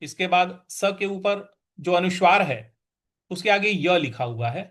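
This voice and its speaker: Male scripture teacher, high voice, drawn-out chanting, patient, syllable-by-syllable pronunciation drills. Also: animated, fairly bright tone. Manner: chants verses in a drawn-out, sung tone. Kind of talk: slow recitation lesson.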